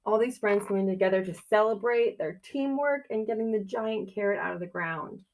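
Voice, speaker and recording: Her voice sits in the mid range and is a little mellow, though the audio is poor. Like a teacher, she reads a children's story aloud with expressive, sing-song delivery and asks her young listeners simple, encouraging questions.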